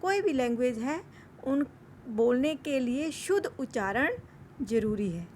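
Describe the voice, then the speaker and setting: A woman's voice: high-pitched, lively intonation, a little slow, a little mellow, a little hiss or hum. A woman teaching an online lesson, repeating each word for pronunciation and mixing English words into her explanations.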